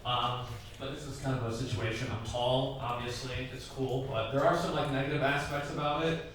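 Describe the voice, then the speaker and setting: A young Iraqi-American comic in his twenties, raised in the Midwest, does a stand-up set in a tavern comedy room, recorded from afar in an echoey bar with slight background noise. His mid-range voice is steady, fairly bright and fairly quick. He tells loose, rambling stories packed with "like"s and acted-out quotes.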